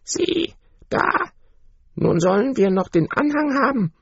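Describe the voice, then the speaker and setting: A man voicing a spiteful female duck of the farmyard, with a high, squawking, scornful storybook voice on a dull, dry recording. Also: expressive, measured pace, slightly rough, no echo, heavily acted.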